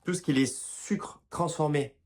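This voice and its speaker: A man's voice: a little high, normal speed, a little mellow. A man giving casual health advice to his viewers, talking informally and directly to them, often restarting his sentences. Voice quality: apologizes for his own pronunciation. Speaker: health and wellness video creator. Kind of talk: casual explanatory talk to camera.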